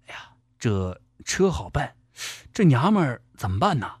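A man voicing a fat male robber who talks slowly and offhandedly in a low voice. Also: very animated, breathy edge, dry recording, studio quality. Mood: offhand. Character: unhurried fat male robber in back seat.

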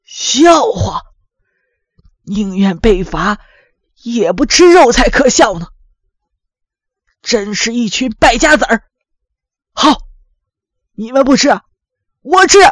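A woman voicing a stern elderly rural father who scolds his children slowly and emphatically. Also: a little high, expressive, no room sound, studio quality. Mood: indignant. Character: stern older rural father, indignant and thrifty.

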